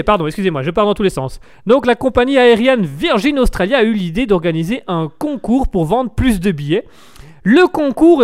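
A tired male host riffing on strange news items in a jokey, rambling way, often stumbling and correcting himself. His voice is high and clean. It is recorded close and dry, with no room sound. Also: smooth, no room sound. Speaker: host of a live call-in show. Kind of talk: jokey live show news commentary.

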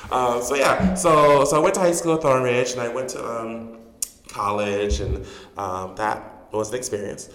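A drag performer and actor from Chicago, USA, a man in his forties, chats animatedly as a guest in a casual interview and laughs often. His medium-pitched, slightly bright voice moves at a measured pace, with heavy reverb, a long tail and poor audio.

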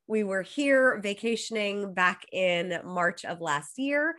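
Her voice is mid-range, expressive, and fairly bright, and she speaks slowly. A high performance coach in her thirties from Los Angeles, USA, she has an American accent and is recovering from a cold. As an interview guest in a casual conversation, she stays fluent and upbeat but frequently restarts phrases.

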